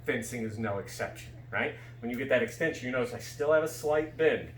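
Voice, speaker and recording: Speaking briskly with a medium-pitched, fairly bright tone, a man teaches fencing in a relaxed, explanatory way and keeps checking that his students understand. The recording has echo and background noise.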